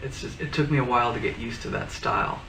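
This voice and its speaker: Gravelly low-voiced man, roomy distant sound. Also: huge pitch swings. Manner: rambling, halting with fillers. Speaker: interviewee, band frontman. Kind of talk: casual storytelling. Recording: roomy, distant mic with background noise.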